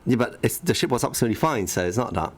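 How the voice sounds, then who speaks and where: A man's voice: medium pitch, animated, racing. A young man co-hosting a casual radio show in a studio, wry and polite. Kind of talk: casual banter on student radio.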